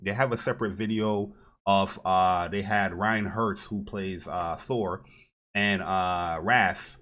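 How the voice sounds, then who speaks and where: A man hosting a casual podcast, talking in a relaxed, hesitant way with many fillers. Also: low-pitched, slow pace.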